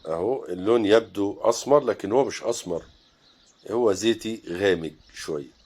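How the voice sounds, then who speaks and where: A man with an Egyptian Arabic accent teaches landscape painting step by step. He talks in a relaxed way and pauses often to think aloud while he mixes colors. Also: lowish voice.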